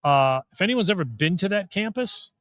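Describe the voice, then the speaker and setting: A man's voice: sits high, lively intonation, moderate pace, fairly bright tone, no echo. Man telling stories in dry close sound. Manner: storytelling, jokey banter. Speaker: sports columnist co-host. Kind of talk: live draft reaction chat. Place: arena media room.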